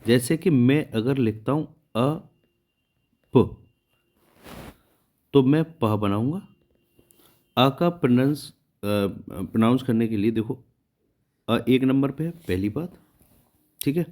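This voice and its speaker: A man's voice: medium pitch, animated, takes it slowly, long pauses, dark tone. A man teaching shorthand step by step, patiently checking in with his students and counting out each stroke as he draws it. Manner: patient, repeats "ठीक है" to check understanding. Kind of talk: step-by-step tutorial explanation.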